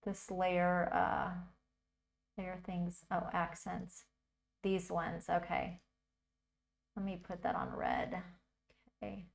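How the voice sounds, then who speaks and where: A woman's voice: lowish voice, lively intonation, takes it slowly, gravelly, long pauses. Chatty woman thinking aloud while working. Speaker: livestream host teaching digital art. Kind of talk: casual livestream tutorial.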